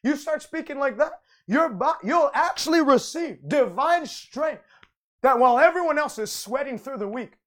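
A man's voice: very high-pitched, animated, normal speed, a bit bright. A man preaching a conversational broadcast sermon, speaking in fervent, emphatic declarations and often repeating or restarting his phrases.

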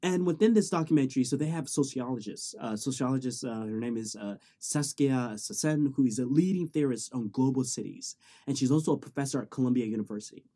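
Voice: medium pitch, quick pace, dark tone. A young adult student about to graduate, casually summing up a documentary in a rambling way, with many restarts and joking asides. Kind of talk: casual spoken summary of a documentary.

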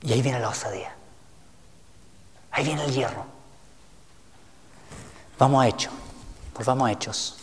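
A man's voice: medium pitch, normal speed, long pauses, slight background noise. A male pastor giving a teaching sermon, reading scripture aloud and asking the listeners questions. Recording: reverberant hall.

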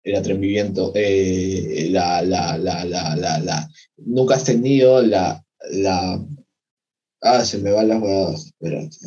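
A young man co-hosting a podcast speaks slowly in a low, mellow, slightly rough voice, chatting casually and rambling. He often gropes for words and uses slang, and the recording has a dull lo-fi sound.

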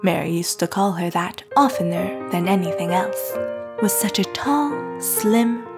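A woman narrating a classic novel in a soft, hushed reading voice. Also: fairly low pitch, expressive, measured pace, loud music behind the voice. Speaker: audiobook narrator.

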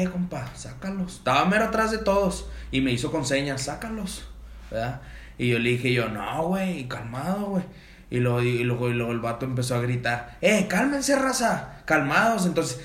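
A man's voice: medium pitch, reverberant. A man telling a funny party story to friends, acting out the voices of people in it and using heavy slang. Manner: animated, acts out quoted voices, heavy slang. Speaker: podcast host. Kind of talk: casual storytelling among friends.

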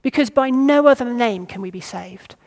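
A woman's voice: on the high side, expressive, normal speed, a little mellow. Woman preaching a reflective sermon. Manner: reflective, asks the listeners questions.

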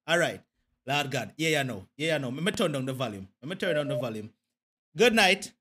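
A man's voice: mid-range voice, lively intonation, quick pace, fairly bright tone, slightly rough. A Jamaican man hosting a call-in show, bantering casually in patois between callers. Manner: laid-back, chatty patois banter. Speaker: podcast host taking calls.

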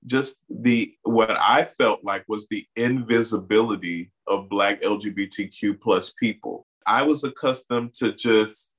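On poor audio, a lowish, breathy-edged voice moves a little slowly with few pauses. The speaker is a Bahamian man raised in Miami, an artist and community organizer guesting in an interview, who tells animated stories thick with "you know" fillers.

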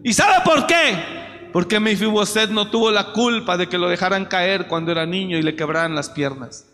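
A man preaching a sermon, moving from quiet storytelling to shouted exhortation. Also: high voice, fairly even intonation, fairly quick, big-room sound, a little hiss or hum.

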